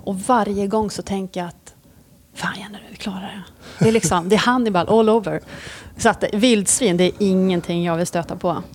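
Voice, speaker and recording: A woman, a police officer, animatedly telling a story in casual conversation and swearing freely. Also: medium pitch. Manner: lively, swears freely, acts out scenes.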